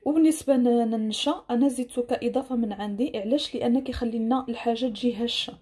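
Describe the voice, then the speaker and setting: A woman's voice: on the high side, fast talker, warm tone, breathy edge. A woman with a Moroccan accent narrating a casual cooking tutorial as a home cook, explaining and rephrasing each instruction. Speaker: home cook presenting a recipe.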